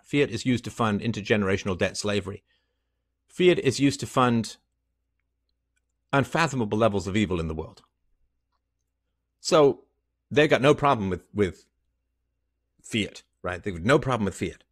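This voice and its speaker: A podcast host delivers an impassioned solo rant to camera in a small indoor room with a plain wall, his pitch swinging widely. He's angry, sarcastic and profane, moving at a moderate pace with frequent pauses as he shifts between low mutters and loud outbursts.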